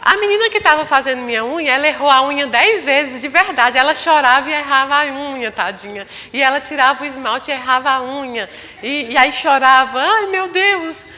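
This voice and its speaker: Woman medium telling a story live, a lively narrator, a bright and forceful voice, higher pitched. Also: brisk, hardly any pauses. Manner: lively storyteller acting out the people in her story. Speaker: spiritual medium speaking live. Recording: long hall reverb.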